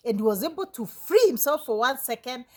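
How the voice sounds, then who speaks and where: A woman teaching a moral lesson through storytelling, expressive and engaging, often asking her listeners questions. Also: on the high side, fairly quick, rough recording.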